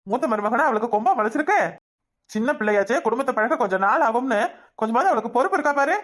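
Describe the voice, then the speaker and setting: A woman's voice: fairly high pitch, lively intonation, quick pace. A woman with a southern Tamil village dialect voicing a middle-aged village husband who coaxes and then grows indignant in a cartoon. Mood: coaxing. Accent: southern Tamil Nadu village dialect. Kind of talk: cartoon voice acting.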